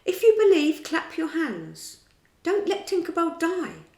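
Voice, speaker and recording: A woman voicing the boy hero Peter Pan, calling out in a lifted, excited voice in an echoey room. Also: very high-pitched, unhurried, vocal fry, voice pushed up, exaggerated voice. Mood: pleading. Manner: excited, calls out.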